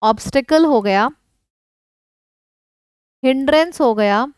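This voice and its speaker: A woman's voice: sits high, takes it slowly, smooth, no room sound. A woman teaching an online vocabulary lesson, explaining words in Hindi mixed with English and checking in with her students often.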